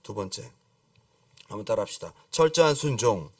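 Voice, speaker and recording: A middle-aged man preaching a lively sermon as a pastor, acting out pleading prayers and calling on the congregation to repeat after him. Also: fairly low pitch, moderate pace, no room sound, distant mic. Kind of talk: lively Friday-service sermon. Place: church sanctuary.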